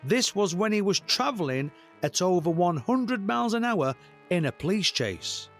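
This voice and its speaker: A man's voice: sits high, very animated, normal speed, fairly bright tone, faint music behind, pitched above the performer's own voice, full character voice. A man voicing a timid male defence lawyer who hesitates and pleads with the judge. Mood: pleading.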